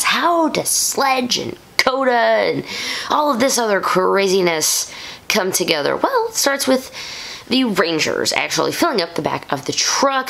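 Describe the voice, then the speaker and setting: A woman hosting her own vlog, reviewing a show episode in a casual, excitable way with gushing bursts of enthusiasm. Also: lowish voice, gravelly. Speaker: YouTube show host and reviewer. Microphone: camera-mounted shotgun microphone.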